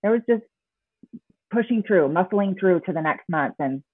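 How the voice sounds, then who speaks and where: Guest, woman in her forties from Utah: husky, lower voice, chatty and animated, heard over a thin phone-like line. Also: no echo. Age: 40s. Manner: animated storytelling, frequent quick agreement. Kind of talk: casual interview conversation. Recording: tinny phone-like remote line, dry.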